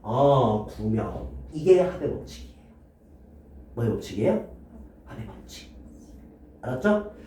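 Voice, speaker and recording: A man teaching math to students, lively and constantly quizzing them with questions. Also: medium pitch, a little slow, pauses often. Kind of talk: classroom lecture. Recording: echoey room, voice from a distance.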